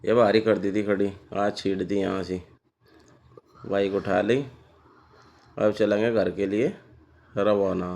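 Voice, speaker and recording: A man's voice: fairly low pitch, fairly even intonation, slow, creaky, pauses often, a little mellow, slight background noise. A man, a father chatting casually through a vlog and laughing often. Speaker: vlogger, father.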